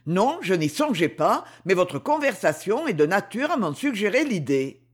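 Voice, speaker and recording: A proud young man clips his answers short and bristles at every question, as a male audiobook reader voices him. His voice sits high for a man and swings widely in pitch, brusque and defensive in a storybook reading. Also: sing-song, normal speed, slightly rough, heavily acted. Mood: indignant. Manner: clipped, brusque replies.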